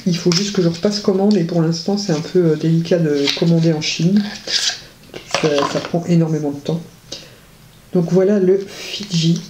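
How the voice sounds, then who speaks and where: A chatty, enthusiastic woman talks through her makeup in a casual vlog, full of little hesitations and gushing words of praise. Her voice is warm and mellow. The room around her is roomy and echoey, with a faint hiss behind her. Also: on the low side. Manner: chatty, enthusiastic, many fillers. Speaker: beauty vlogger. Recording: roomy echo.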